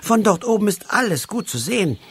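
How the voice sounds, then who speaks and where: Guy doing a squeaky little tin man, slow stretched-out shouts, kinda husky. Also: big pitch swings, heavily acted. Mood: eager. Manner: high, drawn-out exclamations. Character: small excitable man in tin armor. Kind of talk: storybook reading.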